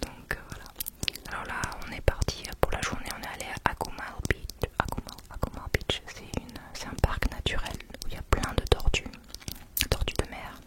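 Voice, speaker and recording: Female ASMR vlogger, hushed whisper for quiet late-night listening, informal and rambling, repeats words softly. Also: normal speed. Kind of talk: whispered ASMR travel vlog narration.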